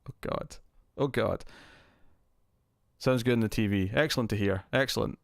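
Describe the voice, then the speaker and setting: A man's voice: lowish voice, normal speed, vocal fry, dry recording, clean studio sound. A man hosting a live stream, chatting casually with viewers in a rambling way full of fillers, his voice heavily compressed on the mic. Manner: rambling, loose, with many fillers and restarts. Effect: heavily compressed mic, even level. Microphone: desk mic with compressor.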